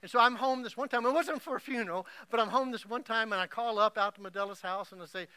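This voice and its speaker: A middle-aged man from Oklahoma preaching a sermon, telling an emotional story that swings from hushed to loud. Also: high-pitched, quick pace, clear, resonant tone, no room sound. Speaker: pastor.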